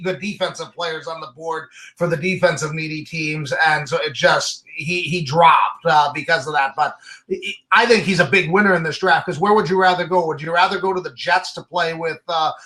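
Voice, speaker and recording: A man's voice: fairly high pitch, fairly even intonation, fairly quick, pushed and bright. A man giving opinionated, casual sports commentary as a draft analyst.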